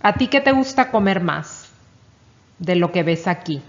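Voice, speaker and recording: Woman teacher for a children's letter lesson, unhurried, encouraging, slightly dull lo-fi sound. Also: lowish voice, expressive. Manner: patient, encouraging, asks and praises. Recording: dull lo-fi recording.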